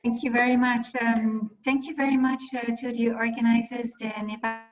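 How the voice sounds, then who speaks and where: A woman diplomat speaks over a video call whose connection keeps breaking up. Her fairly high voice comes through dull and muffled. Her delivery is formal and hesitant. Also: flat delivery, normal speed, recorded from a distance, soft background music. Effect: unstable online call connection, cutting in and out. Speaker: ambassador speaking at a webinar. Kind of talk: formal webinar address.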